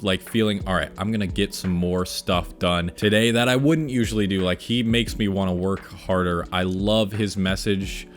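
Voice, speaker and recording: A young man with a fairly low voice talks casually to his online audience over background music. He is enthusiastic and laid-back, with plenty of slang, as he takes viewer questions. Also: steady tone, normal speed, few pauses. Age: young adult. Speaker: video creator answering viewer questions.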